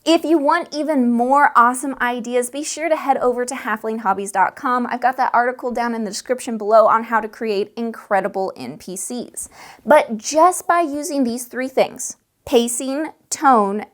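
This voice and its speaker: Chatty woman giving tabletop game tips. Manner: chatty, animated, demonstrates voices by shifting pace and pitch. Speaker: tabletop game advice host. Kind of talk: casual how-to video talk.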